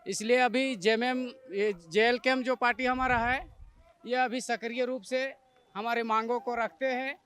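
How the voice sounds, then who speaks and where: A man, a party supporter at a march, calmly explaining why they protest in a street interview. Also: very high voice, normal speed, clear, resonant tone.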